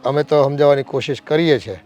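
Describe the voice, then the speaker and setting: An actor playing a worried, elderly uncle who pleads earnestly about family strife. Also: male voice, fairly high pitch, quick pace, a little mellow, faint music behind, close to an everyday voice.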